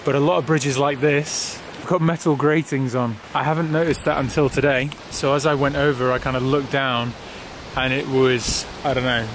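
A tired young man, a touring cyclist, chatting casually to his camera outdoors by a highway and laughing often. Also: fairly even intonation, normal speed, a little hiss or hum. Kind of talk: casual video diary.

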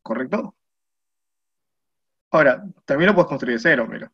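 Male instructor, Peruvian Spanish accent, slightly husky voice, muffled lo-fi sound, patient tutorial delivery. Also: mid-range voice, expressive, normal speed, a bit bright. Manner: patient step-by-step explaining, asks "¿no?" and "mira" often. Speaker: spreadsheet instructor. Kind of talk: screen-recorded software tutorial. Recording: muffled lo-fi voice recording.

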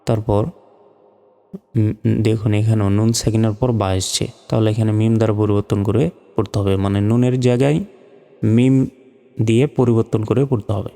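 A man teaching Quran reading step by step, patiently spelling out each syllable and drawing words out slowly. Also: on the low side, flat delivery, mellow, in a large hall.

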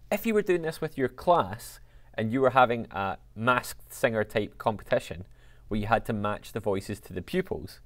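A man teaching a music technology lesson, explaining software steps in an upbeat, chatty way. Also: mid-range voice.

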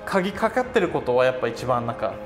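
Rapid-talking man explaining in an echoey hall. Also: medium pitch, very animated. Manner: hesitant explainer, many fillers, slips on words. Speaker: game presenter. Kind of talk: explaining game modes. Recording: echoey hall with faint music.

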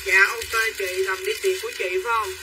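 A woman's voice: mid-range voice, fairly even intonation, moderate pace, recorded from a distance, loud music behind the voice, low-quality recording. A woman selling clothes on a livestream, chattering in a repetitive hard-sell patter and calling buyers by name. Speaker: online clothing seller. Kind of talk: livestream sales pitch. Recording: voice a bit off-mic with faint room noise.

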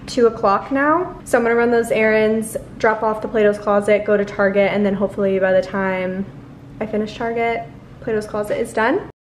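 A woman in her twenties chatting casually to camera in her apartment kitchen, relaxed and full of fillers, talking into a handheld camera. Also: medium pitch, background noise. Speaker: lifestyle vlogger. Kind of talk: casual vlog chat. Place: modern apartment kitchen, indoors. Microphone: handheld camera filming in a mirror or at arm's length.

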